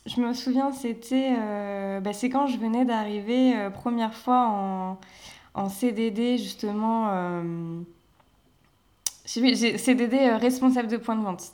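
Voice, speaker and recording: A woman's voice: on the high side, unhurried. A young woman from Brittany telling work stories in casual chat, acting out quotes along the way. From Brittany, France. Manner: animated storytelling with acted-out quotes. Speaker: former retail saleswoman.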